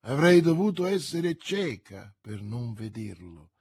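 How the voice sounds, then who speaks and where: A man's voice: medium pitch, sing-song, takes it slowly, darkish tone, husky, dry recording, clean studio sound, exaggerated voice. A man voicing a lovesick, stingy lawyer's wife who speaks in a plaintive, pleading way. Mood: coy.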